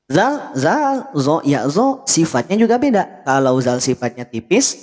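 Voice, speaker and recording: A man's voice: fairly high pitch, big pitch swings, unhurried, darkish tone, big-room sound. A man teaching Quran recitation in a live online lesson. He patiently checks that viewers understand and chants the sounds himself to demonstrate them.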